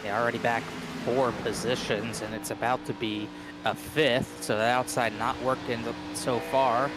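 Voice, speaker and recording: A man's voice: medium pitch, flat delivery, moderate pace, noisy background. A man giving motorsport commentary, running down positions and analysing an online race.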